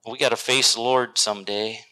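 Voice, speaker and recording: A man preaching a sermon, reading scripture and telling a story, who swings dramatically between loud lines and hushed whispers. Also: mid-range voice, fairly even intonation, normal speed, poor audio.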